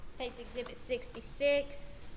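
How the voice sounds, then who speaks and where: A woman, questioning a witness in a courtroom recording, speaking in a steady, methodical way with frequent ums. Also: on the high side, measured pace. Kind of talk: courtroom examination. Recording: courtroom recording with clear room noise.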